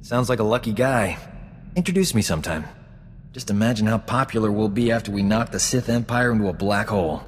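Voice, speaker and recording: Actor as cocky, low-voiced space doctor, reverberant. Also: male voice, expressive, brisk, slight background noise, natural voice. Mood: smug. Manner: smug, flirtatious, self-assured banter. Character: cocky, flirtatious male frontier doctor, smooth-talking adventurer. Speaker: video game companion character. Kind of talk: video game voice acting. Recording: long hall reverb, game music underneath.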